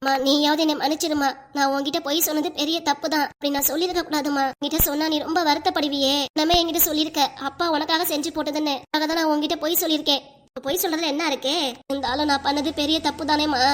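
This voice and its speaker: A woman's voice: high voice, steady tone, fast talker, fairly bright tone. A woman voicing a young married daughter with a Kanyakumari Tamil accent, pleading and apologetic, in a cartoon. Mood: remorseful.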